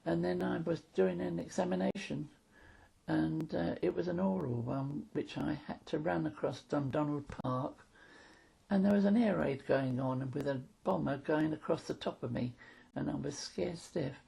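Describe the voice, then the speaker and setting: Gravelly old London woman, very husky. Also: low voice, moderate pace, warm tone, poor audio. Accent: London English. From London, England. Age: 80s. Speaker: interviewee. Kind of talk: casual reminiscence of wartime childhood.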